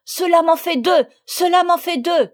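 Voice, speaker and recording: A woman reading aloud, voicing a bratty little girl who is quick to anger, in a storybook. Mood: shrieking. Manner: shrill, shrieking complaints.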